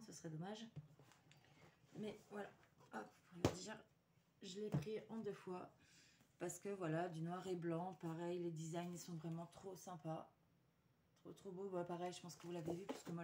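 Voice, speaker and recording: Chatty woman with faint noise. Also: on the low side. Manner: chatty, hesitant, many fillers and restarts. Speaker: vlogger showing a paper haul. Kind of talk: casual chat to viewers.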